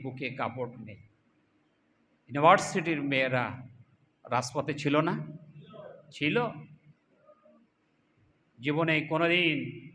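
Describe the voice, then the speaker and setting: A man giving a fiery political sermon to a crowd, asking rhetorical questions and swinging between loud cries and low asides. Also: a little hiss or hum. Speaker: Islamic political speaker.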